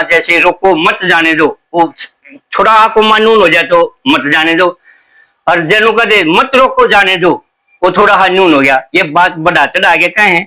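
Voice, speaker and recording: High bright-voiced sadhu. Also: male voice, low-quality recording. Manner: emphatic, rambling, heated defence. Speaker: sadhu guest defending his guru. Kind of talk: interview answers.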